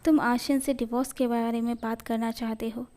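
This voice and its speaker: A woman's voice: on the high side, little pitch movement, moderate pace, mellow, lightly acted. A woman voicing a firm, protective middle-aged father in a fan fiction read aloud. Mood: stern. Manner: firm, commanding.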